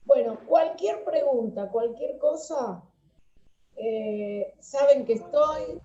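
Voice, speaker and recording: A woman teaching an online workshop, unhurried and hesitant, full of fillers. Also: high-pitched, warm tone, a little hiss or hum. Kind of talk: online class talk. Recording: dull, echoey room sound.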